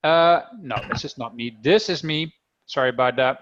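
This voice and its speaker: Over a video call, this Dutch-accented man from the Netherlands runs a coding lesson for children, addressing them directly with cheerful, talkative energy. His voice sits in the mid range at a moderate pace with a fairly bright tone, though the highs are cut off and there's a little hiss or hum.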